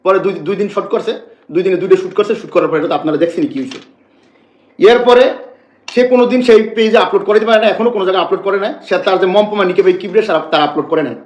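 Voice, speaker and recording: A man's voice: high-pitched, fast talker, a little mellow, roomy sound. A man, speaking on a live stream in an agitated, repetitive, rambling way. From Bangladesh. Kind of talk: emotional live-stream complaint.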